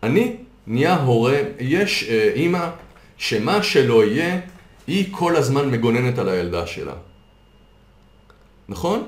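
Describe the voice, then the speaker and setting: Male coach, mid-pitched, patient explainer, roomy echo on the recording. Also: very animated, long pauses. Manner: patient, explains with worked examples. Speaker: coach and consultant. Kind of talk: explanatory podcast talk.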